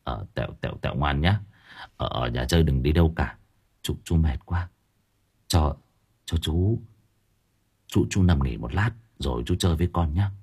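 A man's voice: a bass voice, lively intonation, normal speed, long pauses, a little mellow, slightly rough, pitched below the performer's own voice, full character voice. A man voicing a feverish, dazed young man who talks weakly and stammers. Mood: exhausted. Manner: weak, faltering, stammering.

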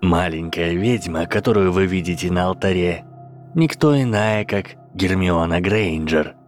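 A man reading a menacing dark lord in a very deep, unhurried voice. The tone stays cold and quietly amused, with a faint bed of music underneath. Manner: slow, low and deliberate.

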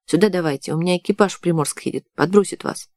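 A woman voicing a brusque male police captain in an audiobook, calling out briskly. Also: on the low side, no room sound, lightly acted. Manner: shouting, brisk.

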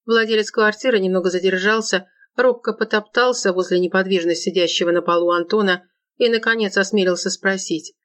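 A woman reading a first-person audiobook in an even, wry storytelling manner. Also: mid-range voice. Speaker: audiobook narrator.

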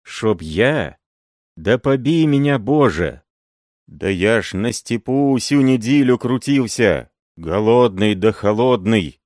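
An old working man swears loud, wailing oaths, as a male reader puts him on. His voice climbs above the reader's own and carries loudly. The sound is dry and close. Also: on the low side, animated, takes it slowly, dry recording, pitched above the performer's own voice. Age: older. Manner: wailing oaths, then gruff threats.

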